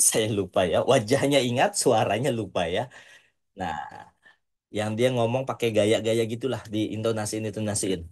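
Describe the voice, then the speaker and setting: A man giving an online public speaking lesson to university students, casual and lively, slowing down for dramatic pauses and sprinkling in English words. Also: medium pitch.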